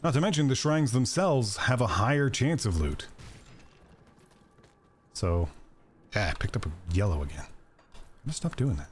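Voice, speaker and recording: A man talks through a video game as he plays, chatting with viewers and tossing in jokes. His voice is of middling pitch but swings up and down a lot. A faint hiss sits under the recording. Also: animated, normal speed, pauses often. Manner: chatty, joking asides to viewers. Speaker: gaming streamer. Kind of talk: casual gameplay commentary.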